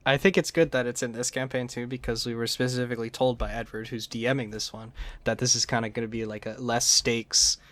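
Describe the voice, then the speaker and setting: A man's voice: medium pitch, flat delivery, a little fast, fairly bright tone. A man hosting a casual chat, talking informally and circling back to rephrase himself. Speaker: podcast host interviewing a fellow player.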